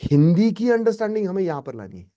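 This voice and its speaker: A man's voice: sits high, very animated, fast talker, mellow, dull audio. A man teaching a spoken English lesson, emphatic and repeating his key points.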